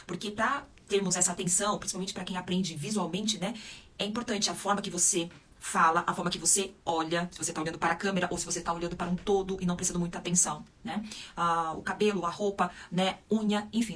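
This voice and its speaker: A woman's voice: medium pitch, fairly bright tone, breathy edge. A woman educator with a Brazilian Portuguese accent, giving spoken teaching tips to camera and often tagging her sentences with little check-in questions. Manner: peppers sentences with "né?" and "tá?" tag questions. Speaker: educator and psychopedagogue. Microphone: close to camera or phone mic.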